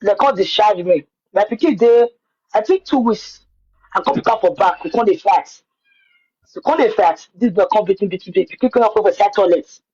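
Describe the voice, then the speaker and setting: A woman's voice: mid-range voice, a little fast, dark tone, husky, lo-fi sound. A woman with a Nigerian accent tells her own story in Nigerian Pidgin, repeating words for emphasis. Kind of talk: personal account in conversation.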